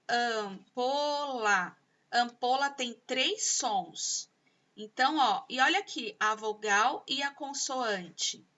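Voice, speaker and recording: A woman teacher with a Brazilian Portuguese accent, giving a video lesson for children, explaining slowly and carefully, sounding out syllables. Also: on the high side, bright, forceful tone, lo-fi sound.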